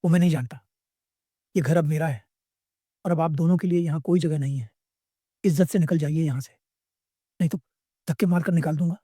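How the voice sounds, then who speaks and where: A man's voice: on the high side, fairly even intonation, a little fast, long pauses, warm tone, slightly rough, no echo, studio quality. A man voicing a callous grown son who answers in a curt, dismissive way.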